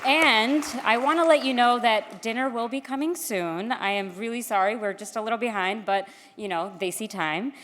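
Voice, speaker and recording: A woman's voice: on the high side, moderate pace, few pauses, fairly bright tone, some chatter behind, a little hiss or hum. A woman from Queens gives an informal, candid, self-deprecating podium speech as she introduces an honoree. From Queens, New York. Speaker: gala speaker introducing an honoree. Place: large indoor event hall, public address. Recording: echoey hall with long reverb.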